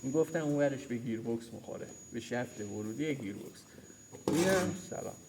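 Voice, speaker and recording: A man's voice: mid-range voice, lively intonation, heavy background noise. A man teaching a hands-on mechanics lesson in a workshop, pointing at parts and repeating key terms. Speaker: mechanics instructor. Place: auto repair workshop.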